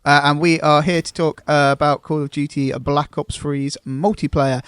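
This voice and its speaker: A man's voice: a little high, level tone, fairly bright tone, clean tone, no room sound. A man hosting a casual gaming chat, opening with "uh" and steering the talk with questions. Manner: brisk host who steers the talk with questions and uh-fillers. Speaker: host.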